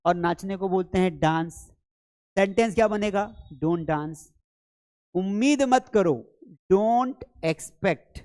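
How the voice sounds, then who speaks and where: A man's voice: high voice, takes it slowly, darkish tone. A man teaching spoken English in a live online lesson, calling viewers "children" and repeating phrases for drills.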